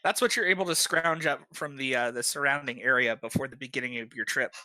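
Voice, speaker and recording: A game master narrating a tabletop game in a relaxed way, with many filler sounds. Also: mid-range voice, fast talker.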